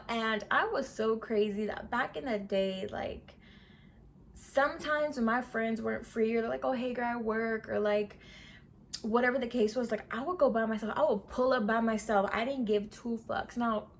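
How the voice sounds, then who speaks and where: A woman in her twenties, a beauty vlogger, delivers a casual storytime full of sassy slang, with frequent "sis" and "okay." Her voice sits on the high side at normal speed, and there's slight background noise.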